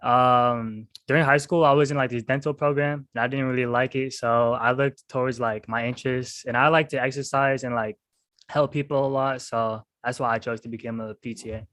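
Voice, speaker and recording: A man introduces himself quickly and casually, with lots of "like.". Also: medium pitch, fairly even intonation, fairly bright tone, no echo. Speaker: new student.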